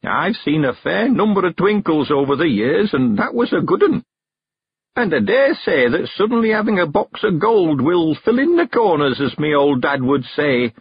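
Reading an audiobook, a man voices a cheerful, stubborn ninety-one-year-old countryman in a rustic dialect, quavery and high with drawn-out words. The delivery is chatty, very animated and exaggerated, and slightly rough. The recording is dry and the audio dull.

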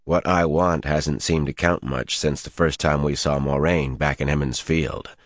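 Man reading a wry loyal young guy, dry delivery, very deep voice. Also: steady tone, unhurried, no echo. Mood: serious.

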